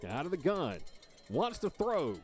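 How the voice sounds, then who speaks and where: A man calling high school football play-by-play, rising to shouts on big plays. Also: sing-song, a little slow. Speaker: play-by-play announcer.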